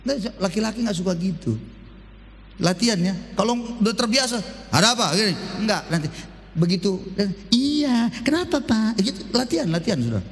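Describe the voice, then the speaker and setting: A man's voice: high voice, fairly quick, in a large hall, a little hiss or hum. A male pastor preaching a joking sermon, acting out husbands' and wives' voices. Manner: lively, joking, acts out spouses' voices. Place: church.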